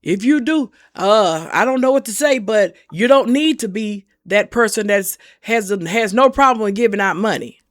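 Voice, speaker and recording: A woman's voice: medium pitch, expressive, normal speed, hardly any pauses, dry recording, clean studio sound. A middle-aged woman giving earnest, folksy advice to camera, repeating her warnings for emphasis. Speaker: senior safety channel host. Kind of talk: casual advice talk to camera.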